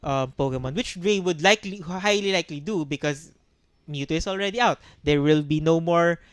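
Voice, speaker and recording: A man's voice: on the high side, a little fast, clean tone, no echo. A man co-hosting a casual gaming podcast, thinking aloud with frequent restarts and ums. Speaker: podcast co-host. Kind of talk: casual chat.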